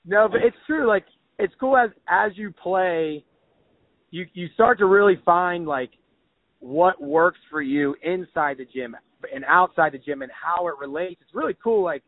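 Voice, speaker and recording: A man's voice: sits high, animated, unhurried, no room sound. A man hosting a casual podcast, upbeat and slangy, full of "like" and "dude". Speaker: podcast host. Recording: tinny phone-like audio, dry.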